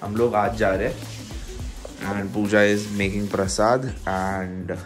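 A man's voice: fairly low pitch, fairly even intonation, extremely slow, soft background music. A man in his thirties, vlogging in a casual chat that mixes languages, filming himself on a phone at arm's length. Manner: mixes Hindi, Marathi and English, chatty. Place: busy shopping mall, indoors. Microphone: phone held at arm's length.

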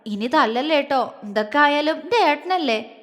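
A woman voicing a shy young bride who speaks softly and sulks, heard in a reverberant room. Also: high voice, lively intonation, moderate pace. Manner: soft, hushed and pleading.

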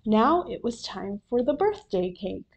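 Woman, children's story read-aloud, very slow, expressive, sound effects, fairly high voice, dull lo-fi recording. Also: vocal fry. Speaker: storybook reader. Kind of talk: reading a children's picture book aloud.

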